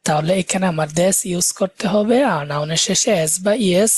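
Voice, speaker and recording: A male language instructor giving a live grammar lesson, explaining step by step, repeating key words and slowing down to break words into syllables. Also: sits high, dry recording.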